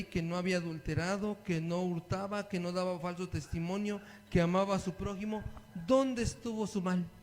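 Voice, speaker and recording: Man, a high voice, preaching and reading scripture, long hall reverb. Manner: reads scripture aloud and asks the listeners questions. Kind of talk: sermon Bible study.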